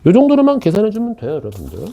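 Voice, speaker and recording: A man's voice: sits high, huge pitch swings, racing, vocal fry, mellow, a little hiss or hum. A male math teacher giving a classroom lecture, chatty and joking with his students and often checking they follow.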